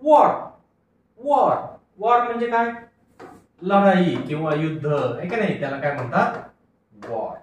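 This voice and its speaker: A man teaches English phonics, sounding out words and repeating them. His voice is fairly high and rings in a strongly echoing room, picked up from some distance off a far mic. He asks questions and answers them himself. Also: animated, moderate pace. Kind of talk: phonics lesson with call-and-repeat drills.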